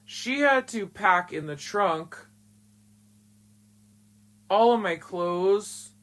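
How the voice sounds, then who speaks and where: Slow-talking storyteller with a disguised voice. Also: mid-range voice, expressive, a bit bright. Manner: blunt and frank, swears often, emotional retelling. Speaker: storyteller recounting their own past. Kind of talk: casual spoken storytelling.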